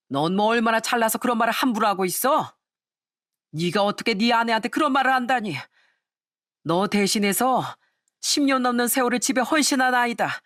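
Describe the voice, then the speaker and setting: A woman voicing an angry older father-in-law in a storybook drama, shouting and scolding. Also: a little high. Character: furious old father-in-law, scolding his son.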